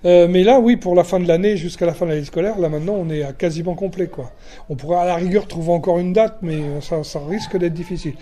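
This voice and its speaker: A man's voice: high voice, quick pace, dark tone. A man answering casually in an interview as a troupe's spokesperson.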